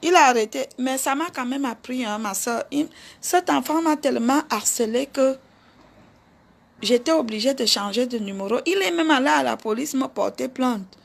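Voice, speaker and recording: A middle-aged woman with a Cameroonian accent talks straight to her viewers in an animated, chatty vlog. Her voice sits high, with a gravelly rasp in it. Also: moderate pace. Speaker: vlogger. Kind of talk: casual live chat with viewers.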